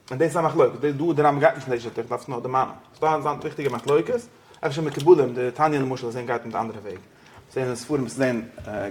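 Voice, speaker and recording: A man's voice: mid-range voice, slight background noise. A man teaching an interactive religious study class, questioning his students and slipping into English phrases.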